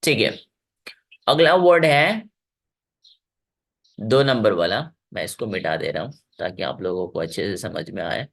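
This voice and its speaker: Man, online English class teacher, encouraging, drawn-out sounds, very animated pitch. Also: gravelly. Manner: encouraging, drawn-out word demonstrations.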